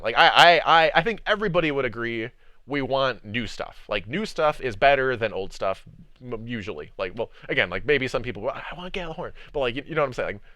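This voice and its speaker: A man streamer chatting casually about a video game, rambling, repeating words and filling gaps with ums and likes, getting animated when making a point. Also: medium pitch, no room sound. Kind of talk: casual livestream game discussion.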